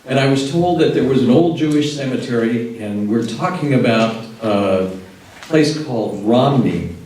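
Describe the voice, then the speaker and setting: A man's voice: medium pitch, animated, moderate pace, darkish tone, slight background noise. A man from Texas, an audience member chatting through a personal story before his question at a lecture. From Texas, United States. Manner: conversational, storytelling, with fillers. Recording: echoey hall from far off.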